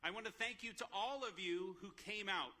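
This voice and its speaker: A university president with a voice that sits high gives a commencement speech at a moderate pace. He is earnest, listing his thanks at a steady clip. The speech comes over a PA at an outdoor graduation ceremony.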